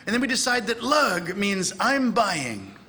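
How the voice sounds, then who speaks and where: At a church conference, a middle-aged man lectures from the pulpit in a large church hall, animatedly acting out bits of dialogue in a raised voice. His voice is high and his speed normal.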